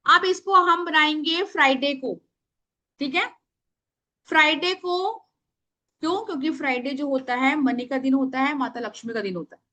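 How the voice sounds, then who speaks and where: A woman teaching a live online workshop over a video call, naming participants and dictating affirmations slowly for them to write down. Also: high-pitched, pushed and bright.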